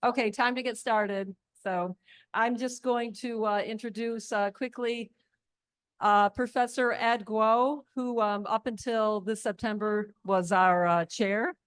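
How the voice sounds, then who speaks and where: A woman's voice: a little high, fairly even intonation, measured pace, clean tone. Woman introducing a speaker. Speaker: faculty colleague introducing the speaker. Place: university lecture room.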